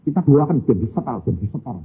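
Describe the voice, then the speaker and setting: A pastor with a Javanese accent telling a family story in a sermon, with lively delivery and voices for the people he quotes. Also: mid-range voice, quick pace, slight background noise. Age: older. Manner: animated, mixes Javanese words, acts out quoted voices. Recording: muffled narrow-band recording.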